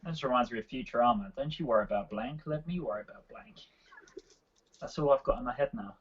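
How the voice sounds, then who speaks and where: A man's voice: medium pitch, quick pace, lo-fi sound, slight background noise. A man, a youth pastor, chatting on a video call, flustered and giggly while playing a party game. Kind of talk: casual group chat.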